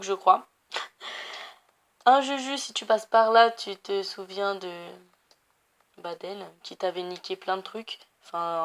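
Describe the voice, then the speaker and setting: A woman's voice: medium pitch, fairly bright tone. A young woman of Portuguese family background chatting casually while playing a video game, rambling with many fillers and self-corrections. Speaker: gaming youtuber. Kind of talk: casual gameplay commentary.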